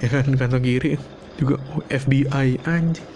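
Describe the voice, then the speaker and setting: A man rambles through a casual solo monologue, loose and sprinkled with swearing. His voice is mellow and sits at a middle pitch. A faint noise hums behind him in a home room. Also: steady tone, moderate pace. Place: home room, not a studio.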